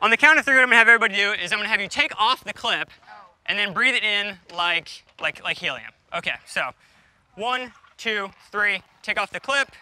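A young man presents a science demonstration outdoors. His voice is high and bright, with very lively swings as he excitedly questions the group. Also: brisk. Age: young adult. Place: outdoors, lawn in a courtyard.

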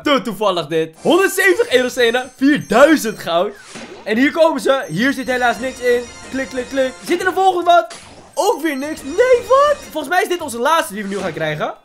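A man giving excitable gameplay commentary, often exclaiming and throwing in English slang. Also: very high voice. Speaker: gaming youtuber.

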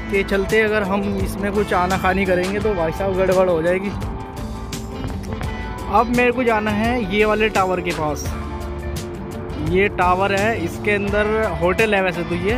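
Chatty high-voiced man vlogging outdoors. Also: steady tone, a little slow, long pauses. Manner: chatty, addresses viewers as brother. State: tired from walking. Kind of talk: casual walking vlog. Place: outdoors on city streets. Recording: music playing over voice.

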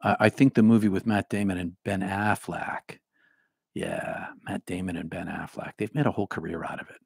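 A man's voice: low-pitched, lively intonation, normal speed, creaky, darkish tone, husky, dry recording, studio quality. A middle-aged man from the Boston area, once a minister, hosting a live stream in a rambling, chatty way and thanking viewers by name. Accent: trained-out Boston, mostly neutral American. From Boston area, United States. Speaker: livestream host and former minister. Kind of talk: casual livestream chat.

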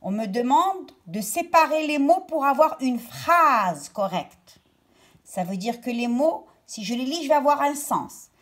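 Woman, teacher, grammar lesson for children, slow, careful articulation, animated pitch.

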